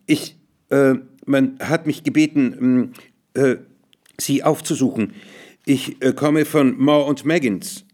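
Stammering nervous messenger, voiced by a narrator. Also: male voice, medium pitch, steady tone, a little slow, gravelly. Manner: stammering, hesitant, then quiet.

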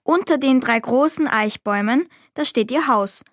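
Innocent trusting little girl, high and guileless, voiced by a woman for a storybook read. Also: moderate pace, dry recording, studio quality, lightly acted. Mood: earnest. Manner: bright, earnest and guileless.

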